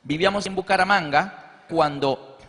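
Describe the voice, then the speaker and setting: A middle-aged male pastor preaches with a high, bright-sitting voice. He tells stories animatedly, acting out the scenes. Long reverb from a large hall follows his words. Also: normal speed. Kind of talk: storytelling sermon.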